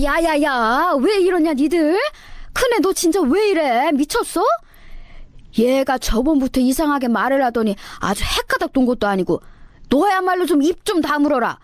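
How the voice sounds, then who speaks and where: A woman voicing an older mother-in-law who scolds loudly and bluntly. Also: high voice, no room sound, studio quality, pitched above the performer's own voice.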